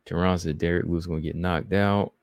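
Hosting a casual livestream, a man with a Southeastern accent from the American South rambles loosely while reading live chat comments aloud. His deep voice moves briskly with fairly even intonation, and the recording is dry.

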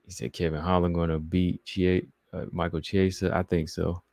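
A man's voice: deep voice, level tone, normal speed, creaky, a little mellow, no room sound. A man from the American South with a Southeastern accent, hosting a casual livestream and rambling loosely as he reads chat comments aloud. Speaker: podcast host reading live chat.

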